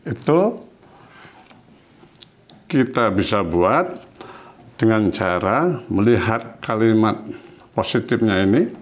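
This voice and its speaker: A man teaching a beginner language lesson, patiently repeating example sentences slowly. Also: lowish voice, animated.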